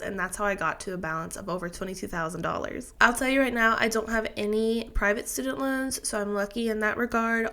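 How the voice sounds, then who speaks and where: Congested from a sinus infection, a personal finance vlogger in her 20s talks casually to camera about her finances. Her voice sits at medium pitch and is a bit bright, and she works through things methodically in a chatty way, using fillers and restarting sentences.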